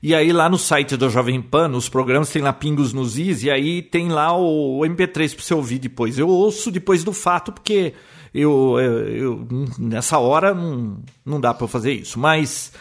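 A man's voice: on the high side, moderate pace. A Brazilian man co-hosting a casual podcast chat, telling opinionated stories with many restarts. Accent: Brazilian Portuguese. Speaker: podcast co-host.

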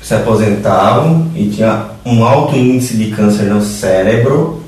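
A man in casual conversation, chiming in with quick reactions and short remarks. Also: fairly low pitch, a little mellow. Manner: chatty, quick interjections. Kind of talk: casual tech chat. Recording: echoey room, voice from a distance.

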